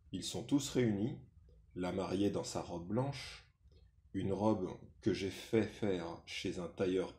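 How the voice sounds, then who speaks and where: Man reading a memoir, dark and roomy. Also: low voice. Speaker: reader. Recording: roomy echo.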